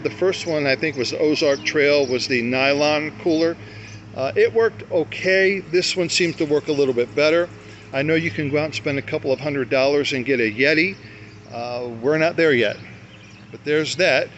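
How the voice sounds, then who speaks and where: With a voice on the higher side and fairly bright, an older motorcycle camping vlogger rambles folksily through his gear at a grassy campsite, catching and correcting himself as he talks. The outdoor recording is dull and lo-fi, carrying faint noise.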